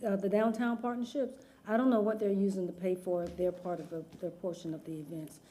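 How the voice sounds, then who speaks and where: A woman's voice: medium pitch, flat delivery, a little fast, warm tone. A woman who is a city department administrator, answering council questions in a tired, sleepy-sounding way. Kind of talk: answering questions at a public hearing.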